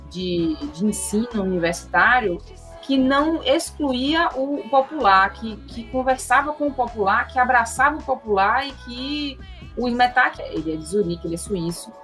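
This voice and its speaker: A woman from Salvador talks about her musical roots in a reflective interview. She often stops, restarts and repeats small words as she thinks aloud. Faint music sits quietly beneath her voice. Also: on the high side. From Salvador, Bahia, Brazil. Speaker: musician guest.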